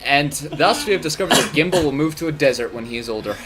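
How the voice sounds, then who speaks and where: A man's voice: on the high side, expressive, fast, very noisy. Man steering a rambling chat. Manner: leads with questions, rambling. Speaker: co-host. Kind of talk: casual podcast chat.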